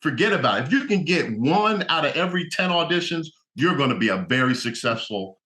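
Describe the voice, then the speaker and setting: A middle-aged man from New Jersey talks through his thoughts in a casual interview. His tone is bright and forceful, and he keeps circling back with "you know" as he works out what he means. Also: on the high side, animated, brisk. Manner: reflective, many "you know" fillers. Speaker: guest, actor and motivational speaker.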